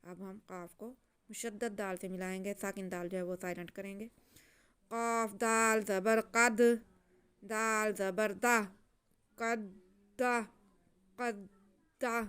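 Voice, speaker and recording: A woman teaching Quran reading, chanting letters and syllables slowly, then explaining the rules in quick soft asides. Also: mid-range voice, flat delivery, smooth.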